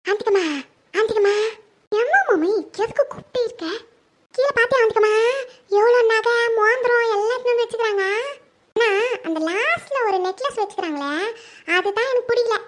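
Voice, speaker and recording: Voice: very high-pitched, a little fast, voice pushed up. A performer doing a greedy gossiping aunt. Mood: scheming. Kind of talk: home-made Tamil family drama.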